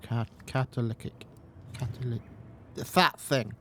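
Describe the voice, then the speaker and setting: A man's voice: medium pitch, measured pace, fairly bright tone, a little hiss or hum. A man streaming a video game, talking in a goofy, playful way and tripping over words. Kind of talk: casual gameplay commentary.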